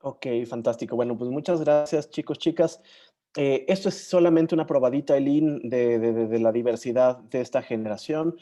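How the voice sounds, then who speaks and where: A man hosts an online session, his voice mellow and warm in tone. He talks in a halting way, often pausing as he searches for words and names. The sound comes through a video call. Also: mid-range voice. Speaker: moderator. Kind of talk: casual online session hosting.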